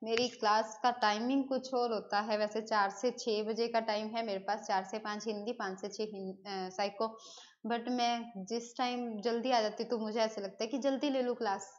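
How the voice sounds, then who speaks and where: In a live online Hindi grammar class, a woman with a slightly high voice speaks at a normal speed in a steady tone. She's chatty, replying to students' chat messages and slipping English words in, though the audio is dull.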